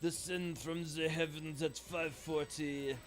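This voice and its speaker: A pompous French villain gloats in a slow, lofty drawl, as a man puts him on during a game stream. The voice sits well above his normal pitch and leans on a thick mock French accent. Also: steady tone, soft background music. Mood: gloating.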